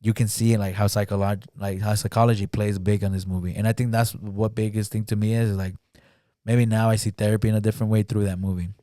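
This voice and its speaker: A man chatting as a podcast guest in a fairly low, mellow voice, recorded dry and close. He talks in a halting, filler-heavy way. He keeps slipping into acted-out lines as he retells a film. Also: flat delivery, no room sound. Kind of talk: casual podcast chat. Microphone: studio podcast mic.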